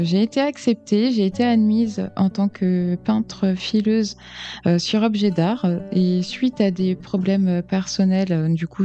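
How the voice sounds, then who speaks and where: A woman with a dark, mellow voice gives an earnest, halting personal account as an interview guest. Her delivery is reflective, and the sound is slightly dull and lo-fi, with music behind her. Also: mid-range voice. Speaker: interview guest, decorative painter.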